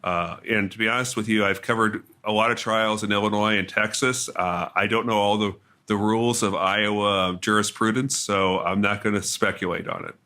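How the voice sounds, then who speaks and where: Halting reporter man, bright tone. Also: on the low side, steady tone. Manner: hesitant, halting, many restarts. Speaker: court reporter. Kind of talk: interview answers.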